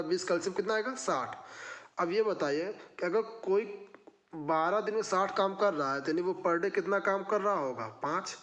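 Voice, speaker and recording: A man's voice: sits high, a bit bright. A male math teacher, working through exam problems step by step and answering his own questions. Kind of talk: exam-prep math lesson.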